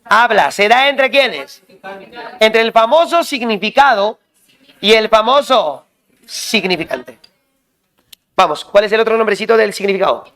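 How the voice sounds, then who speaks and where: High-voiced man drilling a class. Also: sharp tone. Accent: Peruvian Spanish. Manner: quizzing, repetitive call-and-response. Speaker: teacher. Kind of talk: drilling lecture to students.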